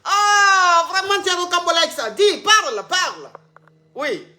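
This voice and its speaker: Woman host, high and bright, playful and teasing, live call-in stream, echoey room. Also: big pitch swings, moderate pace. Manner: playful, repetitive, teasing callers. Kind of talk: casual live-stream chat with callers.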